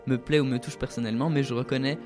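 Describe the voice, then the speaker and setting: A man talks through video games in a relaxed, halting way, filling gaps with "euh" and restarting phrases often. A faint bed of music plays under his voice. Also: mid-range voice. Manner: hesitant, many fillers and restarts. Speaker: guest presenting a video game event. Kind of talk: casual radio chat.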